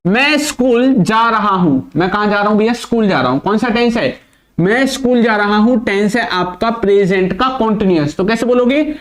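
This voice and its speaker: A young man teaching an English grammar lesson, quizzing the viewer with repeated questions and answering them himself, speaking English words. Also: extremely high pitch. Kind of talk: classroom-style grammar lesson.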